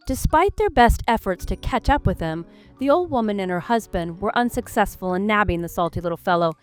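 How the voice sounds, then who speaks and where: A woman reading a scripted narration with wry, playful asides. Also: medium pitch.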